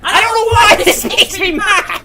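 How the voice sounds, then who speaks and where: A young woman streaming a wrestling watch-along, ranting in exasperation and often shouting through laughter. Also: extremely high pitch, normal speed, over music.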